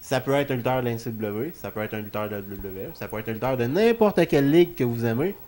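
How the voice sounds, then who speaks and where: A man with a Quebec French accent hosts in an ordinary mid-pitched voice. His delivery is loose and chatty, with an informal, joking manner suited to studio banter about wrestling. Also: expressive, fast talker, a little mellow. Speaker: wrestling talk show host. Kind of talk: casual studio chat.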